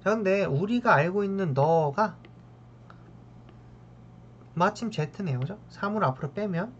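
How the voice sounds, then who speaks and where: A woman's voice: medium pitch, lively intonation, unhurried. A woman math teacher working through problems, checking in with a tag question after each step and talking to the terms as if addressing them. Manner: mutters sighs of tedium while working. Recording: dull lo-fi sound with faint ambient noise.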